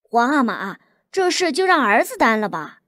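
Woman doing a young crown prince, firm, defiant, high voice, dry sound. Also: big pitch swings, moderate pace, a bit bright, no room sound. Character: bold young male crown prince, stubborn son. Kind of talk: audiobook character voice.

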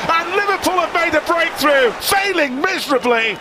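A middle-aged man giving excited, emphatic live football commentary, shouting at full volume. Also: very high-pitched, normal speed. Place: open-air football stadium stand. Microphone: handheld commentator microphone held at the mouth. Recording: loud stadium crowd noise.

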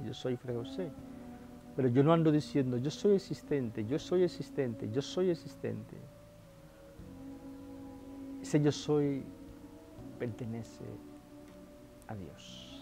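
A man's voice: mid-range voice, mellow. A man, a friar, preaching a sermon and calling listeners brothers and sisters, with emphatic rises and drops.

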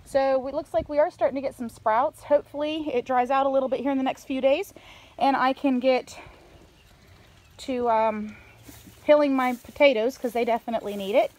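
This middle-aged woman's voice sits high and steady with a darkish tone, at a moderate pace, as she films a casual farm update on a handheld phone. Chatty and rambling, she shows off the yard, coops and pens from behind the camera. The noisy outdoor audio is full of animal sounds.

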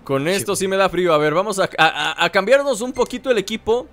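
A man's voice: sits high, fast, a little hiss or hum. A man giving let's-play commentary, playfully teasing enemies with mock insults. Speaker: gameplay commentator. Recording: loud game music behind the voice. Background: game music and sounds.

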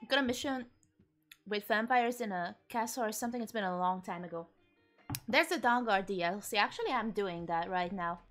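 A woman's voice: mid-range voice, animated, normal speed, fairly bright tone. A young woman streamer chatting casually with her viewers while eating, reading and answering chat with frequent giggles. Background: faint background music.

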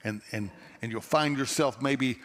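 Speaking through a headset mic on a big church stage, a middle-aged Texan pastor delivers a sermon to a seated audience in an earnest, storytelling style, frequently starting phrases over. His voice is medium-pitched, a bit bright, and at a normal speed, with long reverb from the church auditorium.

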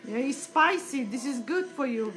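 A woman's voice: high voice, animated, normal speed, a bit bright. A woman making brief remarks from off camera in a home kitchen. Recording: distant voice in a room with music.

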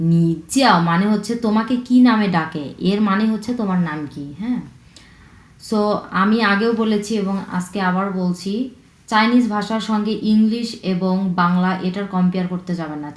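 A woman's voice: on the low side, darkish tone. Patient Chinese woman teaching in an echoey room. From China. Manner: patient, repeats words slowly to drill tones. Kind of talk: online language lesson.

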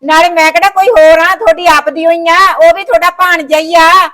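This actress's voice is extremely high-pitched, steady, and a bit bright, and she talks at normal speed. In a family short film she plays a sulking sister-in-law with a Malwa Punjabi accent, indignantly complaining, turning down every offer, and talking over objections.

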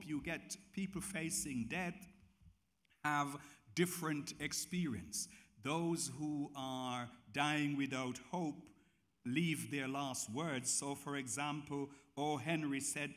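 A man's voice: mid-range voice, a bit bright. A man preacher giving a funeral sermon, rhetorical and building lists through repetition.

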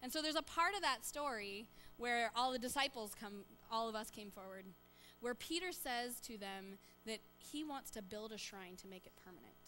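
A bright, forward woman with a slightly high voice gives a children's sermon in a church. She keeps the children involved with quick questions and playful prompts. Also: soft background music. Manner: lively, coaxing children with questions. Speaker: church children's message leader. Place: church sanctuary.

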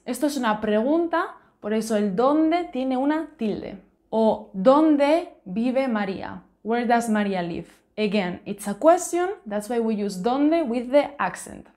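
A woman's voice: a little high, darkish tone. A woman with a Spanish accent teaching a language lesson, explaining carefully and switching between two languages. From Spain.

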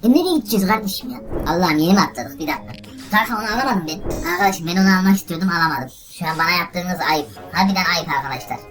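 A woman hosting a let's play video, giving excitable, exclaiming commentary and talking straight to her viewers. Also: fairly low pitch, rapid-fire, music in the background. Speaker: gaming video host.

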